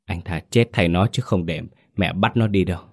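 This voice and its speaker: Man doing a desperate father, deep voice, pleading, horror story. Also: normal speed.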